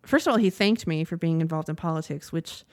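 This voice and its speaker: The host, a young adult woman, tells a story on her casual podcast, chatty and rambling and laughing frequently. Her voice sits low and moves a little fast, recorded dry with studio quality.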